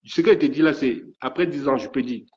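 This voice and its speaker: A man's voice: medium pitch, fast, darkish tone. A man ranting angrily on a live stream, stammering and repeating his threats. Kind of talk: angry live rant. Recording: dull lo-fi stream audio.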